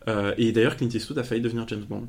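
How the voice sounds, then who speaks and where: A man's voice: lowish voice, fairly even intonation, rapid-fire, darkish tone. A man co-hosting a casual film podcast, telling anecdotes with a joking manner and many fillers. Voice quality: storytelling manner with frequent fillers and jokes. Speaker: podcast co-host.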